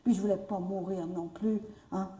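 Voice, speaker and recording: A woman with a Canadian French accent voicing a frail, devout elderly woman in a soft, hushed, plaintive voice, recorded from afar in an echoey room. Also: mid-range voice, fairly even intonation, moderate pace, lightly acted. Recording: echoey room, mic far off.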